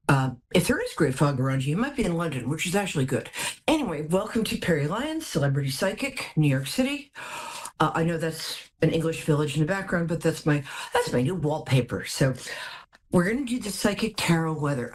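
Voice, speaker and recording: A woman hosting a casual live tarot reading, chatting to viewers in a playful, theatrical and wry way. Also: on the low side. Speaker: host, celebrity psychic.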